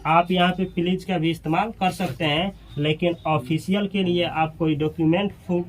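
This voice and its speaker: A man with a Hindi accent teaching a classroom lesson, often asking the class questions and drawing out example sentences slowly. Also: high-pitched, fairly even intonation, soft background music. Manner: drawn-out slow examples.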